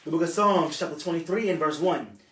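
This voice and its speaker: A man's voice: fairly high pitch, a little fast, fairly bright tone. A man reading Bible verses aloud in a class, announcing each chapter and verse. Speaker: student reading scripture aloud. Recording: echoey room, distant mic.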